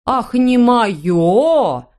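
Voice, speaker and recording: A woman voicing a loud, bossy middle-aged housekeeper who barks orders and makes sarcastic jabs. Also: fairly low pitch, expressive, moderate pace, natural voice. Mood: indignant. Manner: barking, sarcastic.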